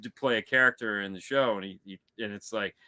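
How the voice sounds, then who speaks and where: A man's voice: fairly low pitch, fairly quick, bright, forceful tone. A man from Michigan co-hosting a casual movie chat, rambling and joking with lots of repeated words. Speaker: podcast co-host.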